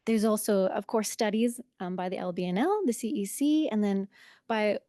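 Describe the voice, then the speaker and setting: A woman's voice: mid-range voice, normal speed, dark tone, no echo, clean studio sound. A woman giving a conference presentation, sounding nervous and self-conscious as a first-time presenter.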